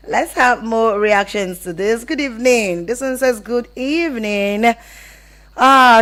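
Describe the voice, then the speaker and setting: On a live radio advice show taking calls, a woman with a Nigerian accent explains things in a chatty manner, frequently putting points another way. Her voice sits on the low side.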